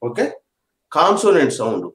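A man's voice: on the high side, very animated, moderate pace. Man teaching grammar in an echoey room. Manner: repeats points, checks understanding often. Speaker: English teacher. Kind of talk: classroom grammar lesson.

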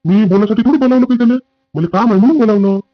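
A man playing an older farmer father in a family drama skit, proud and stern, with a gruff, indignant manner. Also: high-pitched, very fast, no room sound, dull audio, lightly acted. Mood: calling.

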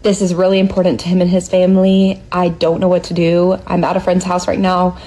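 A woman's voice: on the low side, completely flat delivery, fairly quick, mellow, poor audio. A woman calling in for advice, telling her story in an earnest, distressed way. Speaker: caller asking for advice.

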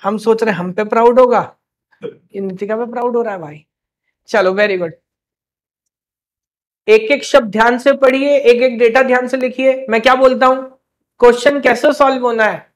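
A young man teaching a live class, quizzing students with quick questions and scolding them playfully to keep them motivated. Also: extremely high pitch, fairly even intonation.

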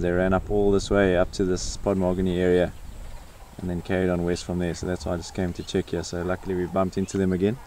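A man's voice: deep voice, dark tone. A man, giving casual, understated wildlife narration as a safari guide. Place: outdoors in open bush, from a safari vehicle. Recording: outdoor recording with insect and nature noise. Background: faint crickets and bush ambience.

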